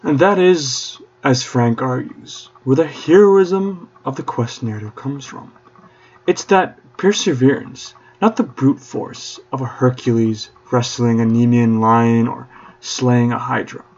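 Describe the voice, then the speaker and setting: A young man with a medium-pitched, slightly mellow voice speaks at a measured pace. He hosts a podcast in a mock-courtly style, grandiose and theatrical, sprinkled with playful old-fashioned flourishes. The recording sounds dull and lo-fi.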